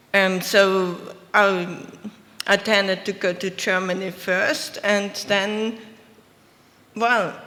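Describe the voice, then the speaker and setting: Panelist: woman, bright voice, hesitant storytelling, reverberant hall. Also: medium pitch. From Austria. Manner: hesitant, self-correcting storytelling. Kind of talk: convention panel talk. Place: convention panel room. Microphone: shared handheld mic.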